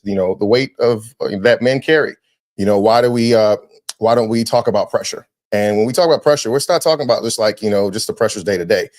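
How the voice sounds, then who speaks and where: A man hosting a podcast, chatting casually and telling lively stories, dropping "man" often. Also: lowish voice. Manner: animated storyteller, quick, slangy, says "man" a lot. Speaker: podcast host.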